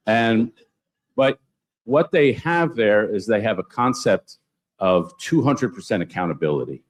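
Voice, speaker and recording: A man speaking on a conference panel, telling anecdotes with sudden upward jumps in pitch for emphasis. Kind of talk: panel discussion storytelling.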